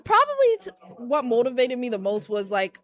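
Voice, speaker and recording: A woman's voice: on the high side, wildly swooping pitch, normal speed. A young woman from Haiti, a professional wrestler, talking candidly and chattily as a guest in an interview inside a shop. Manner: candid, chatty, laughs easily. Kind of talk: casual interview. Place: collectibles shop, indoors.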